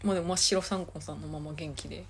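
A woman's voice: deep voice, fairly even intonation, rapid-fire, a little hiss or hum. A woman, co-hosting a casual chat and telling a long story, acting out what people said. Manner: rambling storyteller, acts out quotes. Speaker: podcast co-host.

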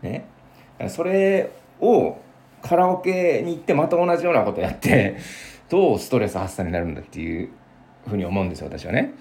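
A young man in his twenties chatting alone in a casual, rambling way, with many fillers and sudden lively bursts. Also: lowish voice, normal speed, creaky. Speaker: podcast host. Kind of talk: casual solo chat.

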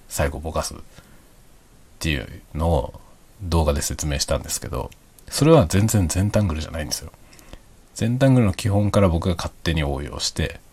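A middle-aged man speaks in a hushed late-night voice, very deep and a little rough around the edges. He chats casually and explains things in a relaxed, easygoing way, keeping it quiet throughout. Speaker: hobby vlogger.

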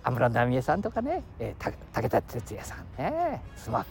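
A man's voice: medium pitch, huge pitch swings, normal speed, darkish tone, faint music behind. A man in his sixties from Aichi with a Nagoya dialect, chatting on his own show outdoors by the sea, rambling and chuckling as he jumps between topics. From Aichi, Japan. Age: 60s. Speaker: podcast host. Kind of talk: casual solo chat. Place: outdoors by the seashore.

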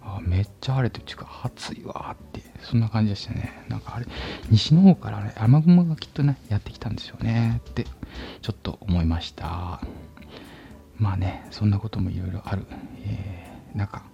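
A man's voice: on the low side, a little fast, vocal fry, mellow. A man hosting a casual solo chat show, rambling with many fillers and sometimes dropping to a whisper. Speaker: podcast host. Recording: dull lo-fi phone recording.

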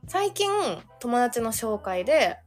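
A woman's voice: a little high, big pitch swings, takes it slowly. A young woman in her twenties, a podcast guest telling a rambling, giggly story full of fillers. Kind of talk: casual chat.

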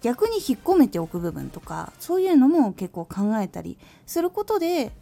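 A woman hosting a solo talk podcast, calmly and thoughtfully explaining her advice as a former voice actor. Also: on the high side, normal speed, vocal fry, soft background music. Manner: calm, reflective explaining. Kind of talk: solo talk radio monologue.

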